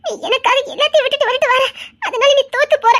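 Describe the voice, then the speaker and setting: A woman's voice: very high-pitched, animated, quick pace, sharp tone, heavily acted. A woman voicing a frightened, tearful young wife who insists on leaving, in an audio drama. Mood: agitated.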